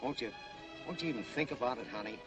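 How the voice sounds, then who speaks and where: An actor playing a big, humble middle-aged cowboy in a 1940s Western film, folksy and halting, with an American Western accent. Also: male voice, medium pitch, close to an everyday voice. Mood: earnest, pleading. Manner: folksy, plain-spoken, halting. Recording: old film soundtrack with music.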